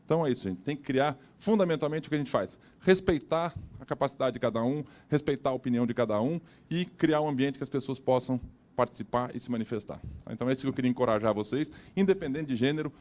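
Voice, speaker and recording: A man at a corporate panel who speaks fast and in a direct, emphatic way. His voice is mid-pitched, and he makes his points firmly as a business leader. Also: darkish tone.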